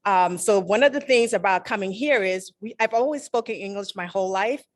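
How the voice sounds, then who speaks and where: A woman's voice: medium pitch, brisk. A woman from Liberia, a first-time club member, telling a friendly conversational impromptu story.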